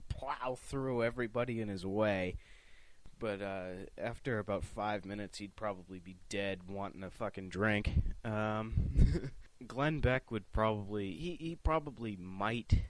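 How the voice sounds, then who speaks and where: A man's voice: lowish voice, no room sound. A young man answering viewer questions in a casual vlog, rambling and profane with many restarts. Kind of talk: casual chat.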